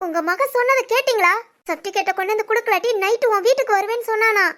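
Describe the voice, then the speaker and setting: A woman voicing a worried, scolding middle-aged village mother in an animated family drama, with a Tirunelveli Tamil accent. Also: very high-pitched, quick pace. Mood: bitter scolding. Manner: bitter, scolding.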